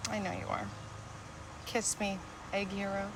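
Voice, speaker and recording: A woman plays a gentle, forgiving sitcom wife and mother. Her mid-pitched voice is measured and affectionate, with clear background noise around it. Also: expressive, natural voice. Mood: tender. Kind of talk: sitcom acting. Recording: clearly noisy background ambience.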